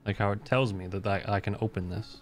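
A man's voice: lowish voice, flat delivery, brisk. A man hosting a let's play, making playful, joking comments as he plays. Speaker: gaming channel host. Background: game music.

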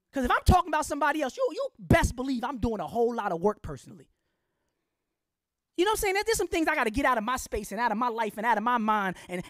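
A woman's voice: high-pitched, no echo, clean studio sound. A middle-aged woman giving an impassioned public lecture, blunt and colloquial, firing off rhetorical questions in a preachy, fiery way.

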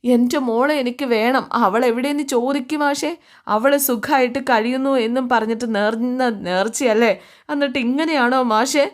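A woman's voice: a little high, normal speed, voice pushed up, close to an everyday voice. A woman voicing a distraught middle-aged mother, pleading and insistent.

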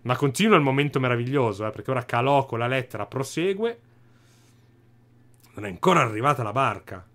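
A man's voice: medium pitch, animated, brisk, fairly bright tone. A man hosting a casual let's-play, commenting on the game with jokey, chatty asides. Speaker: gaming video host. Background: faint game music.

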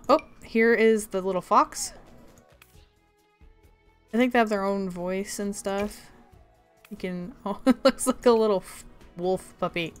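A young woman giving casual gameplay commentary as a channel host, chatty and gushing, cooing over the puppies on screen. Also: medium pitch.

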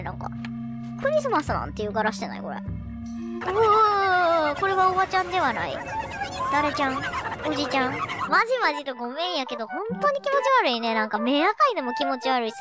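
A woman with a Kansai accent gives game commentary in a high voice that swoops up and down. She chatters and teases the characters on screen. Loud game music plays behind her. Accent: Kansai Japanese. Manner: chatty, teasing, talks to the characters. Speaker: game streamer.

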